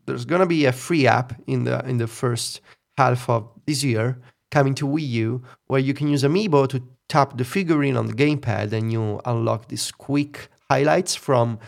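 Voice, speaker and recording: A man's voice: medium pitch, normal speed, creaky, hardly any pauses. A man, co-hosting a casual podcast chat and musing wryly with opinions. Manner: musing, opinionated, wry laughter. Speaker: podcast co-host.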